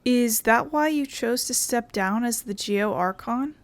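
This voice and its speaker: Higher-voiced woman reading game lines. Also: measured pace, dry recording. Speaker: gameplay video creator. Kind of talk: reading game dialogue aloud.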